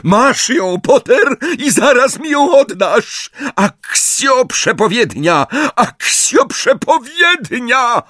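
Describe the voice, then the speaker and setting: A man voicing a cruel, unhinged female witch who taunts in drawn-out baby talk. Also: sits high, wildly swooping pitch, fairly bright tone, no echo, studio quality, voice pushed up, full character voice. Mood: panicked. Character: shrill mocking dark witch, cruel and unhinged.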